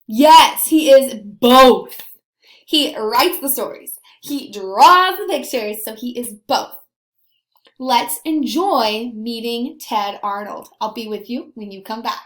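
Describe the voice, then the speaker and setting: With a fairly high, fairly bright voice, a woman teaching elementary school reads aloud to young children. She emphasizes key words slowly and deliberately and puts questions to the class, in a roomy, echoey recording.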